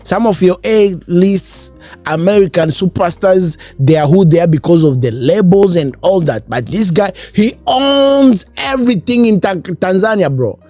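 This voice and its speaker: A podcast host with a high, warm voice and lively intonation speaks a little slowly in a dry recording over soft background music. He reacts to an interview in a casual, emphatic, repetitive way, repeatedly saying "bro."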